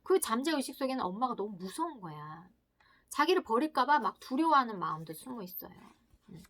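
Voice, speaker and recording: Woman doing a parenting-psych book talk, bright crisp voice, acts out the inner voices, then goes all hushed and whispery. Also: on the high side, very animated, fairly quick.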